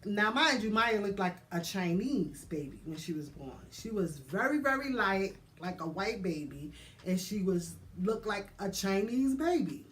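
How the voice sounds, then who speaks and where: Animated woman telling a story. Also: mid-range voice, measured pace. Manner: animated, laughing, acts out voices. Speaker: mother telling her birth story. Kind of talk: casual storytelling.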